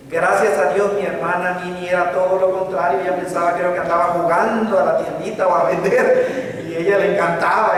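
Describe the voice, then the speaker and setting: A Mexican-born pastor in his fifties giving his personal testimony to a congregation in a relaxed, conversational way, with frequent fillers and restarts. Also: on the high side, slight background noise. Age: 50s. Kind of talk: testimony sermon. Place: church sanctuary. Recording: echoey hall, mic at a distance.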